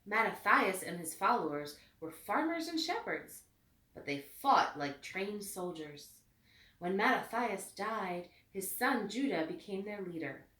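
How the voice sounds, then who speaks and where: Recorded from afar in an echoey room, a woman narrates a children's storybook. Her pitch is medium, and she shapes each phrase deliberately and expressively.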